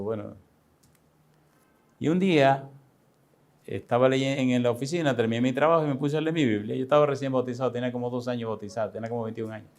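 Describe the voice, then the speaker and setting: A pastor in his sixties telling a personal story in a sermon, with animated, chatty delivery and frequent laughs. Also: mid-range voice. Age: 60s.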